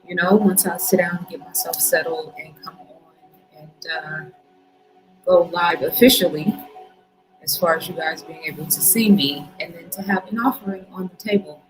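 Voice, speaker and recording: A woman's voice: fairly low pitch, fairly even intonation, normal speed, music in the background, poor audio. Laid-back woman hosting a livestream. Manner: laid-back, greets chat viewers warmly by name. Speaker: livestream host. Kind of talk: casual livestream chat.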